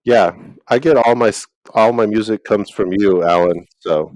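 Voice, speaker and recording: A man's voice: lowish voice, moderate pace, darkish tone, no echo, rough recording. A man co-hosting a podcast, joking around with playful interjections. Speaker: podcast co-host. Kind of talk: casual chat.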